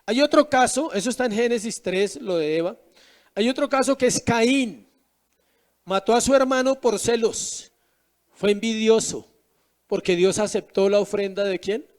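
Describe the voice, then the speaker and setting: A man's voice: high-pitched, moderate pace. A man preaching a sermon as pastor, asking rhetorical questions with emphatic rises and drops.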